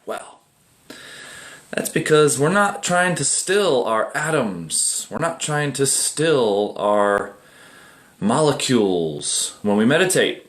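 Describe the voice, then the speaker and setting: A middle-aged man teaching meditation in a relaxed, conversational way, often asking rhetorical questions. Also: mid-range voice, slow pace. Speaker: meditation teacher and group admin. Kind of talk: casual livestream meditation talk.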